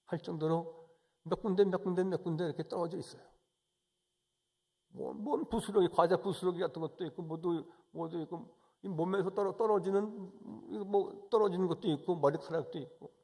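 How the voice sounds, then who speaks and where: A male pastor giving a Sunday sermon, moving from calm, chatty explanation to forceful, raised exhortation. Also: high voice, normal speed, gravelly.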